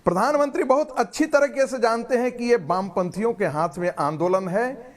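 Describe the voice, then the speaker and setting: A man's voice: very high voice, normal speed. A man speaking as a pro-government panelist in a heated TV news debate, using formal, polite phrasing while fighting to keep the floor.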